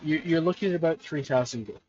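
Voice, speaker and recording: A man running a tabletop game as game master, talking in a relaxed, conversational way with frequent restarts. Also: on the high side, fast talker, lo-fi sound. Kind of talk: narrating a tabletop game over voice chat.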